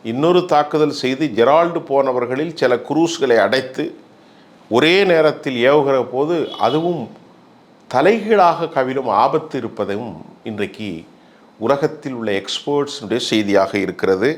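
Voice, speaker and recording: A man, a journalist, giving news analysis commentary, listing items in a measured, emphatic cadence. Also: mid-range voice.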